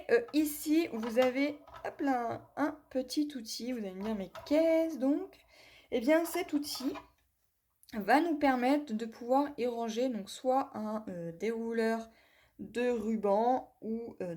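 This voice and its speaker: Slow, chatty woman demonstrating a tool. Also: fairly high pitch, darkish tone. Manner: chatty, talks viewers through each step with many "voilà" and "hop"; apologetic about her English pronunciation. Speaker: craft vlogger reviewing a tool. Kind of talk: hands-on product demonstration.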